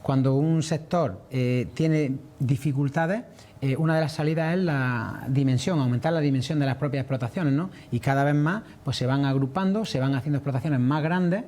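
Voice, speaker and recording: A man's voice: medium pitch, moderate pace, a little mellow. A man answering as a farmers' representative in a broadcast interview, earnest and explanatory.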